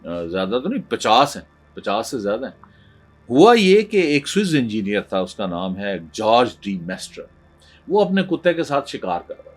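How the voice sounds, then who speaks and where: Husky guy lecturing, swoops up and down a lot, soft music under it. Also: mid-range voice. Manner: animated storytelling with frequent fillers and restarts. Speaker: professor. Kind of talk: lecture on creativity. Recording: faint background music.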